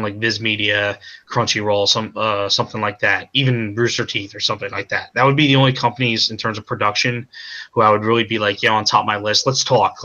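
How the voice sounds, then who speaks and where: A man being interviewed as a comic creator, talking in a halting way with many repeated words and restarts. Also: mid-range voice, pushed and bright, lo-fi sound. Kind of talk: casual stream interview.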